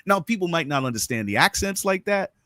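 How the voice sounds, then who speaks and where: Animated Bermudian-accented man, closely and dryly recorded. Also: sits high, brisk, no room sound, clean studio sound. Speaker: talk show co-host. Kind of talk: casual opinionated discussion.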